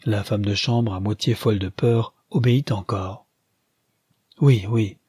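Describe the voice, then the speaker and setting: A man narrating a classic novel with a measured, solemn delivery. His voice is low and husky, and the recording is dry with no room sound. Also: fairly even intonation, darkish tone, no echo. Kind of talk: audiobook narration.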